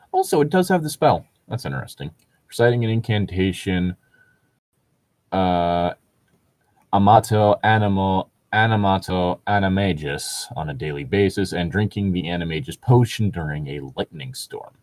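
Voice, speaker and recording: As co-host of a fan fiction reading show, a man reads aloud and reacts to the text with casual, sweary commentary. His voice is lowish and darkish, with no room sound.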